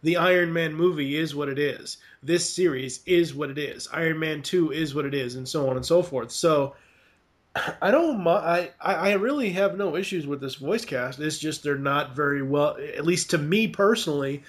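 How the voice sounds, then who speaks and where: Man, podcast chat, somewhat high voice, hesitant, stammers and restarts. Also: moderate pace. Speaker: podcast co-host. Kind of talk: casual chat reviewing a cartoon series.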